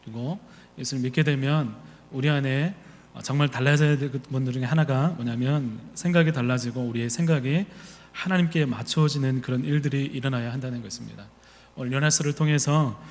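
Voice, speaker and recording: A man's voice: mid-range voice, darkish tone. A man preaching a sermon as a pastor, telling a personal story and acting out his own thoughts. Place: church sanctuary. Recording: reverberant church hall.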